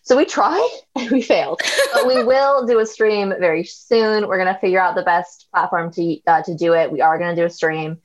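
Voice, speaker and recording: Low-voiced woman co-hosting, laid-back. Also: normal speed, dull audio. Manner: laid-back, rambling, self-deprecating. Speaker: podcast co-host. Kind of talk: casual chat.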